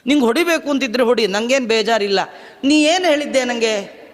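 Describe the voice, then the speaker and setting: A man playing a mischievous little boy god who coaxes his mother in a quick, intimate way. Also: very high voice. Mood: coaxing. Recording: long hall reverb.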